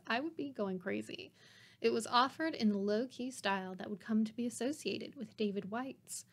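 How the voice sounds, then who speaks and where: Wry woman reading a novel aloud. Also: medium pitch. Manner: wry, sarcastic commentary between passages. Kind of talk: casual read-aloud with joking asides.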